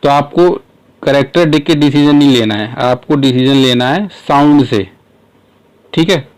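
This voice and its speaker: A man explaining a grammar point in a casual lesson, asking rhetorical questions and sounding out words slowly. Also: mid-range voice, poor audio. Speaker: English teacher.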